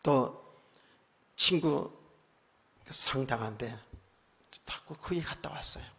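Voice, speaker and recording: Husky pastor preaching in a hall. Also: male voice, mid-range voice, slow pace. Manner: conversational storytelling, frequent "예" and "아멘"; swings from quiet asides to loud emphatic bursts. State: recently worn out and hoarse. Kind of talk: sermon. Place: church sanctuary. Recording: long church hall reverb.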